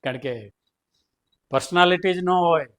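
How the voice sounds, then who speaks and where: Male storyteller, humorous and chuckling, slightly raised pitch. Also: measured pace, fairly bright tone. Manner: chuckles between sentences.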